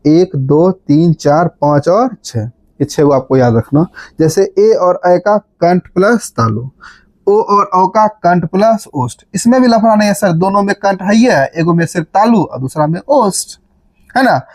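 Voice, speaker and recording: A man from Bihar, India, teaches a grammar lesson in a lively way, repeating key terms, chanting memory formulas in a sing-song, and quizzing students with "बात समझ रहे हैं?". His voice is high-pitched and measured in pace, with no echo.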